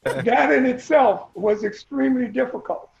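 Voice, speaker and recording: An older man with a high, heavily gravelly voice, reminiscing in a wry, joking way. His voice comes through a dull, lo-fi line that sounds echoey, as if from a bare room. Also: normal speed. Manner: wry, joking, addresses the group directly. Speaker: alumnus guest. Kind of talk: casual reminiscing.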